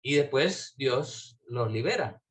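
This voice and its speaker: Guy teaching a bible class, stops and restarts a lot, mid pitch. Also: expressive. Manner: halting, many fillers and restarts.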